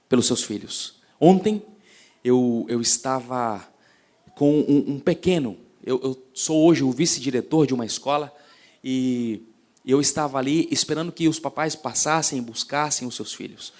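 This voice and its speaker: A man preaching a sermon as pastor, swinging between loud emphasis and hushed words, often repeating and restarting phrases. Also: medium pitch.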